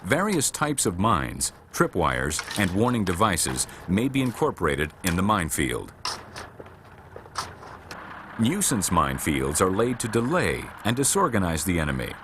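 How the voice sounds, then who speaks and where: Against a noisy background, a deep-voiced man reads instructional narration for a military training film in a sing-song voice. The scripted delivery is measured, formal, and matter-of-fact.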